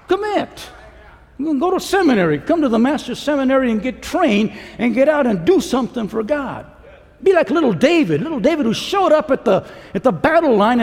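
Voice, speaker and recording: Fiery male preacher at a conference, lively high voice, long hall reverb. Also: vocal fry. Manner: animated, swings between shouting and hushed pleading. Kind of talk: conference sermon.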